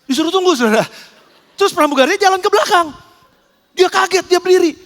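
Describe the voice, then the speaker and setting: A male pastor delivers a sermon with an unusually high voice, spinning a lively story and turning often to the congregation. His voice rings through a church hall with long reverb. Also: fast.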